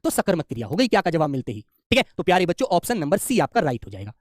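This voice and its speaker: A man's voice: on the high side, very animated, very fast, no room sound, clean studio sound. A man teaching an exam-prep class in a fatherly, coaxing way, often asking "hai na?" and calling his students beta. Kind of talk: online class lecture.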